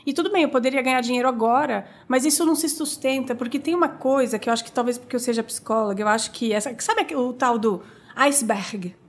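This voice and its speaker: A middle-aged woman speaks as a guest in a relaxed interview, her voice sitting noticeably high. She tells stories in an animated, chatty way, restarting sentences and filling pauses as she goes. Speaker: guest, coffee business owner. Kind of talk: conversational interview storytelling.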